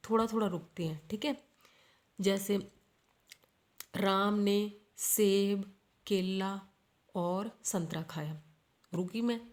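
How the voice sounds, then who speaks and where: A woman teaching a grammar lesson. She explains patiently, keeps checking that the class follows, and reads example sentences out slowly. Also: medium pitch, darkish tone.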